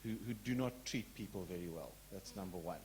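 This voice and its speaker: A man in the audience of a public lecture, making an earnest, frank statement and putting a question with some halting restarts. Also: low voice, darkish tone, a little hiss or hum. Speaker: audience member asking a question.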